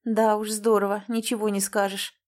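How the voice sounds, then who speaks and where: A woman's voice: medium pitch, little pitch movement, normal speed, a little mellow, close to an everyday voice. A woman voicing a wry, evasive young woman who dodges hard questions, in an audiobook. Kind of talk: audiobook character voice.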